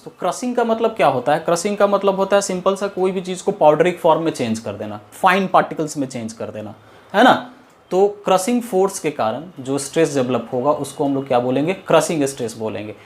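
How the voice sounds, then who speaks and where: A man with a fairly high voice, lively intonation, and a fairly quick pace gives a classroom lecture in an engineering class. He explains step by step, repeats key terms, and poses questions that he answers himself, slipping English technical phrases into his talk.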